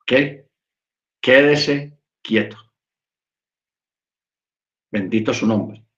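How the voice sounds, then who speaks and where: A man preaching a sermon, emphatic, addressing his listeners as brothers and dropping low and slow to stress a point. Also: reverberant, highs cut off.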